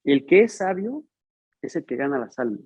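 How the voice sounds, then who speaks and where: A man's voice: medium pitch, very animated, normal speed, darkish tone, breathy edge, dry recording, muffled recording. A man preaching a sermon in a conversational, storytelling way, acting out the dialogue. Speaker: pastor.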